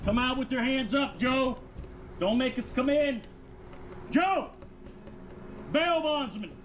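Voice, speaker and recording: Man shouting through a megaphone. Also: very high voice, slow, noisy background. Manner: shouting commands at a house.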